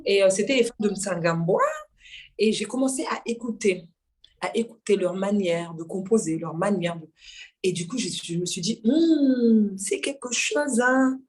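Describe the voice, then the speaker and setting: A woman's voice: mid-range voice, normal speed. A woman from Mayotte, a singer, telling her story in a casual interview, acting out dialogue and laughing often. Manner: lively, laughing, acts out dialogue. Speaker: guest singer.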